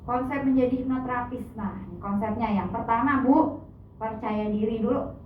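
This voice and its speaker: A woman lecturing a class in a chatty, animated way, her voice a touch high. She is caught by a mic some distance off in an echoey room, and the sound is thin and tinny with a faint hiss. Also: moderate pace. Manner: chatty, animated, acts out soothing patient instructions. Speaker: hypnotherapy trainer.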